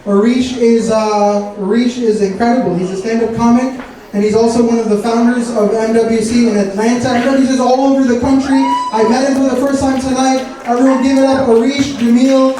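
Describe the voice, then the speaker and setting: A man's voice: extremely high pitch, level tone, fairly quick, mellow. A man hosting a live event, upbeat and chatty, introducing acts and rallying the crowd. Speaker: event host. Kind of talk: emcee introductions. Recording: echoey room heard from far off with crowd noise.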